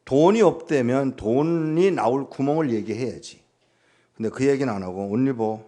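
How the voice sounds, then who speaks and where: A man's voice: mid-range voice, moderate pace, warm tone. A man preaching as a guest pastor, telling stories and acting out dialogue with his mother in his sermon. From Korea.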